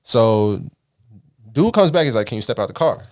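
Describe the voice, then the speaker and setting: A man's voice: medium pitch, sing-song, normal speed, darkish tone. A man from the Caribbean, hosting a podcast, telling a story in a casual, profane way and acting out the voices he quotes. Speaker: podcast host.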